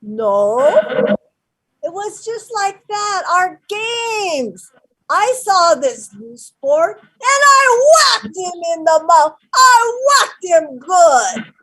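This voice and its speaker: A woman's voice: very high-pitched, big pitch swings, extremely slow, heavily acted, poor audio. A woman playing a fierce, feisty old grandmother. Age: older. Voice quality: broken English, shifting between shouts and whispers. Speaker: actor. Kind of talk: live-streamed stage play.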